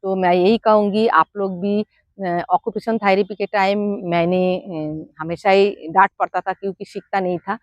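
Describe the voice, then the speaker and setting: A middle-aged woman, a mother, giving frank, down-to-earth parenting advice in a casual vlog, pausing often with "uh". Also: medium pitch, fairly even intonation, dry recording, muffled recording. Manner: frank and down-to-earth, with many "uh" pauses.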